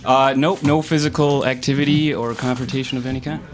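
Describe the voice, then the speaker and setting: A man's voice: medium pitch, fairly even intonation, brisk, music in the background. Guy on a radio show, super hesitant, lots of uh and you know. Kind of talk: casual radio talk show chat.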